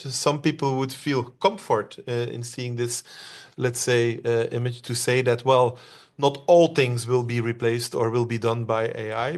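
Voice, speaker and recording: A man from Belgium gives an online presentation, talking in a loose conversational way with frequent "uh" pauses and questions put to his audience. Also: medium pitch.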